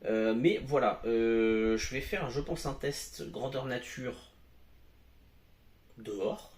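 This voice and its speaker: A man's voice: medium pitch, slow pace, darkish tone, roomy sound. A man giving a casual product demo at home as a tech reviewer, talking with many hesitations and fillers.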